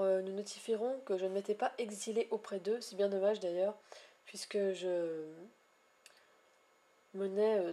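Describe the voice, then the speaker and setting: A woman vlogging about her shiny hunts in a wordy, elaborate way, pausing often with hesitations and gushing affectionately at times. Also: medium pitch, mellow. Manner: ornate, wordy phrasing with frequent hesitations. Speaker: Pokémon shiny hunter vlogger. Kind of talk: casual vlog narration.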